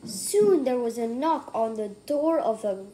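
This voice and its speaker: A woman's voice: fairly high pitch, animated, measured pace, warm tone, slight background noise, low-quality recording. A woman reading a fairy tale aloud, with small slips and restarts along the way. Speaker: storyteller.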